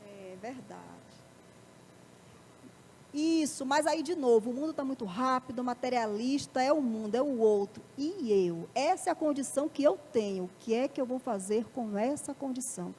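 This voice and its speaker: A woman with a high voice and a Brazilian Portuguese accent gives a motivational lecture to a live audience in a parish auditorium. She keeps checking in with rhetorical questions. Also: lively intonation, normal speed, darkish tone, a little hiss or hum.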